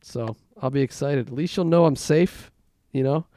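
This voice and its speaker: A man's voice: mid-range voice, normal speed, warm tone. A man hosting a casual sports talk, asking questions and bantering in a hesitant, wry, teasing manner. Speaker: host of a fantasy football league podcast.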